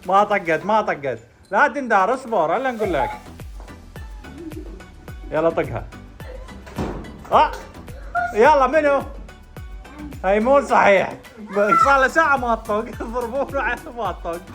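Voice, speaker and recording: A woman running a family game, giving brisk orders and often laughing. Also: on the high side, expressive, a bit bright, soft background music. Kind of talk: casual family game calling.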